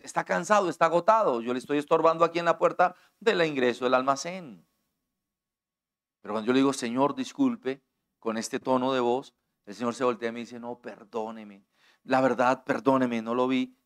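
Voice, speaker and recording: A man's voice: mid-range voice, fairly bright tone. A middle-aged man with a Colombian accent preaching a sermon as pastor, talking straight to his listeners and explaining with everyday examples. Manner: direct, conversational preaching that addresses listeners personally; explains with everyday examples and acts out quoted dialogue.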